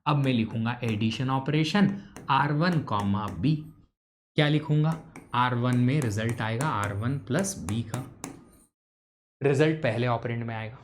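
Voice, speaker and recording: एक पुरुष शिक्षक लाइव ऑनलाइन कक्षा में पढ़ा रहा है, छात्रों से बार-बार सवाल पूछता है और हिंदी में अंग्रेज़ी मिलाकर बोलता है।. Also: male voice, mid-range voice, a little slow, slight background noise. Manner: quizzes students, mixes English into Hindi. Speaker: teacher. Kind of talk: live online lecture.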